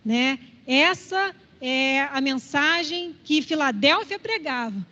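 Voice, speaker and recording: A woman with a Brazilian Portuguese accent and a high voice leads a church Bible class. She talks in a conversational way and keeps checking in with the class. The sound is somewhat dull and rings with a long hall reverb. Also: expressive, slow pace, sharp tone.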